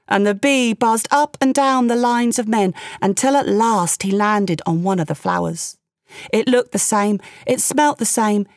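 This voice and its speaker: A woman telling a fairy tale, her voice mid-pitched and expressive, with playful little asides. The sound is dry and close. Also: dry recording. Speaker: storyteller. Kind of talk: storytelling narration.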